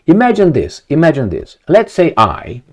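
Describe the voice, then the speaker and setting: A man's voice: on the high side, wildly swooping pitch, moderate pace, husky. A man from Romania, giving a rambling opinion monologue to camera, full of rhetorical questions and repetition. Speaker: video commentator.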